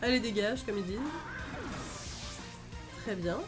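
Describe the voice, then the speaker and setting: Speaking a little slowly in a medium-pitched voice, a gaming video host chats and thinks aloud through her let's-play. She keeps things casual and upbeat, with lots of fillers, while game music plays in the background.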